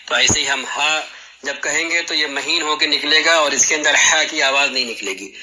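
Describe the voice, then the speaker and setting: A man's voice: fairly high pitch, noisy background. A man teaching the articulation of letters in a patient, explanatory lesson, demonstrating throat sounds aloud as he goes. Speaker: Quran recitation teacher.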